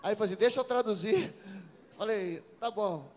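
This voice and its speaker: High-voiced Rio pastor preaching in reverb. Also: male voice, a little fast, a little hiss or hum. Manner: storytelling with acted dialogue, builds to shouted exhortation. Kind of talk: sermon. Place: church sanctuary. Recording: long church reverb.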